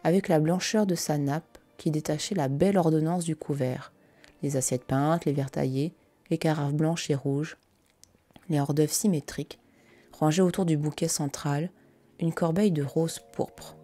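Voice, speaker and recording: A woman's voice: low-pitched, fairly even intonation, moderate pace, mellow, soft background music. A woman host reading a classic novel aloud on a live stream, with casual, chatty asides between passages.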